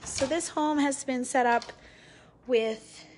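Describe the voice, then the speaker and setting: A woman in her thirties leads a live virtual tour of a house, speaking into a phone held at arm's length as she walks from room to room. Her voice sits a little high, and she talks slowly with an upbeat, admiring manner. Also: slight background noise. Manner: upbeat, admiring, slow and deliberate. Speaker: real estate agent. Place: large house indoors, walking room to room.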